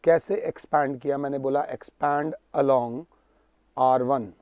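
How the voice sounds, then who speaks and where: A man teaching a maths lesson, emphatic and pleading, reading out numbers slowly. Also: mid-range voice, steady tone, no echo. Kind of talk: classroom lecture. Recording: tinny narrow-band sound, dry.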